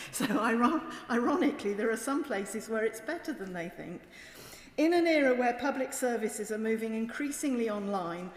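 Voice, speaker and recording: A British woman makes a formal speech in a parliamentary debate. Her voice sits fairly high, and she is measured yet emphatic and critical. The sound is echoey, with the long reverb of a large chamber. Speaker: member of parliament giving a speech.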